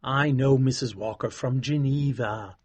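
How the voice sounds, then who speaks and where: A man voicing a reserved, polite young gentleman in an audiobook, speaking with restraint. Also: medium pitch, unhurried, breathy edge, dry recording. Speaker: Winterbourne. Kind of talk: audiobook dialogue acting.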